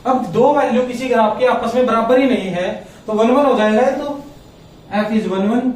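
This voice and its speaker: High-voiced man lecturing from across an echoey room. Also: moderate pace, a little mellow, distant mic. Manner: explanatory, keeps checking if students understood. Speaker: math teacher. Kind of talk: classroom lecture.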